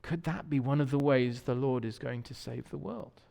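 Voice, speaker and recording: A gravelly, mid-range male voice at a moderate pace belongs to a pastor giving a conversational, story-filled sermon in a church sanctuary. He warmly recounts stories and repeats words as he reaches for the right one, all under church hall reverb.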